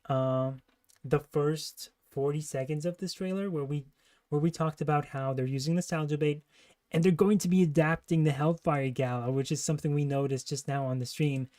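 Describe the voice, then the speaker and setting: A man's voice: fairly high pitch, darkish tone. Critical man streaming live reaction commentary. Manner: critical, disparaging. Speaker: livestream reaction host. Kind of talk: casual live commentary on a trailer.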